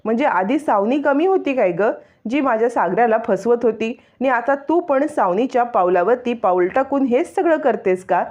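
Furious older mother-in-law yelling accusations, a woman putting it on, raised pitch, dull lo-fi sound. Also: animated, moderate pace, natural voice. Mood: angry, accusing. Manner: shouting accusations, scolding.

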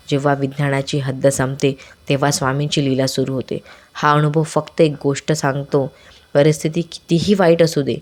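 A storyteller giving a scripted devotional story narration in a measured, dramatic way. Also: medium pitch, a little mellow.

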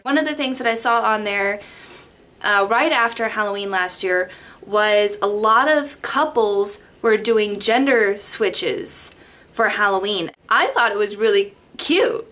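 In her bedroom at home, a beauty vlogger from Las Vegas walks through a makeup tutorial, talking into a webcam in front of her. The young woman is chatty and rambling, her medium-pitched voice unhurried and a bit bright.

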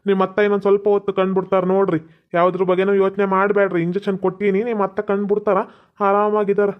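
A man's voice: sits high, monotone, quick pace, lightly acted. A man playing a boastful village doctor. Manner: boastful, reassuring, lecturing. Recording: dull lo-fi sound.

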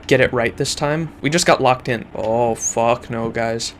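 A man's voice: mid-range voice, a little slow, slight background noise. A young man streaming a horror game in casual commentary, scared and jumpy, muttering and swearing often as he reacts. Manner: frequent swearing. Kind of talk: casual let's play commentary. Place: indoor room at home, webcam view. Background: game music.

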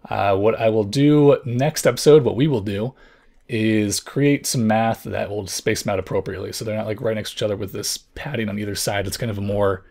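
Hoarse, gravelly-voiced man teaching code. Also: lowish voice, steady tone, brisk. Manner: thinks out loud, hesitant explaining. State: hoarse from lost voice. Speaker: programming tutorial host. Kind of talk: casual coding tutorial.

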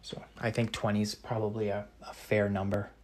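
A Canadian painter in his thirties speaks briskly in a lowish voice while answering questions from a live chat. Relaxed and casual, he thinks aloud with frequent ums and restarts, articulating certain words very precisely.

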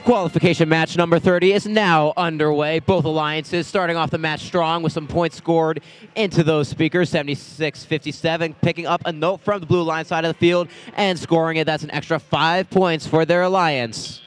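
A man announcing a robotics competition, giving steady live play-by-play of team numbers and scores at the event venue. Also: on the high side, moderate pace, smooth, faint music behind. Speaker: match announcer.

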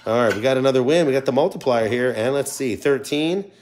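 A man's voice: mid-range voice, fairly quick, a little mellow. Chatty middle-aged man, some background noise. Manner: chatty, addressing viewers. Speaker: livestream host scratching lottery tickets. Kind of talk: casual livestream commentary. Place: indoors at a wooden table.

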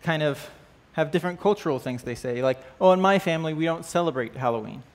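Talking fast in a slightly high voice, a man teaches a church class on an indoor stage full of band gear. He starts the lesson with a prayer and then keeps things casual and conversational. He regularly checks in with the class through questions, often saying "uh" and "right?"

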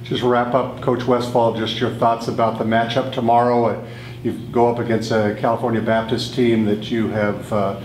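A man moderating a press conference, asking halting, measured questions with fillers. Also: medium pitch, level tone, a little mellow, roomy sound, slight background noise, rough recording.

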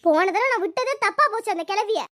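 A woman's voice: very high-pitched, lively intonation, fast talker, bright, forceful tone, full character voice. A woman voicing a fierce, bossy village sister in a cartoon, scolding and giving orders. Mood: angry, determined. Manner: scolding, commanding. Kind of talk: cartoon voice acting.

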